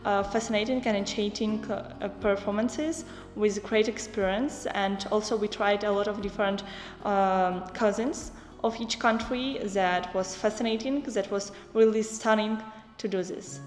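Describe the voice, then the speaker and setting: A young woman describing a youth exchange project in halting English with many fillers. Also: medium pitch, steady tone. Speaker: project participant. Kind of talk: interview answers in non-native English. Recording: echoey hall.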